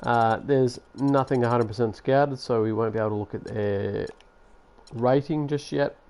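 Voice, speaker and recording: A man's voice: mid-range voice, fairly even intonation, moderate pace, a little mellow, clean tone. A man giving casual, sarcastic commentary while playing a basketball management game. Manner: chatty, sarcastic, grumbles at the game. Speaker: gaming YouTuber.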